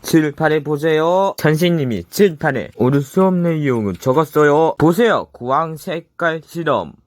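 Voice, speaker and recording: A woman's voice: low-pitched, lively intonation, normal speed, dry recording, studio quality. A woman voicing a strict female classroom teacher in a homemade cartoon, bossy and scolding. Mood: instructive. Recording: music playing behind.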